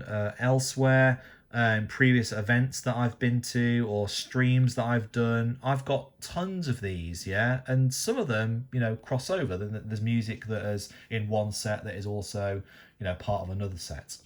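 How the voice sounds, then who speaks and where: A man casually walking through a DJ software tutorial, chatty and rambling, with frequent "you know" and "okay?" asides. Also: mid-range voice. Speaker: DJ tutorial host.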